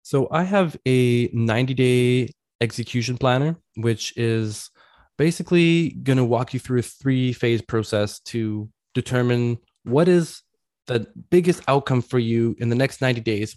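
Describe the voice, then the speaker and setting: Male coach as interview guest, mid-pitched, tidy step-by-step explanations, very dry recording. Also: normal speed, darkish tone, no room sound.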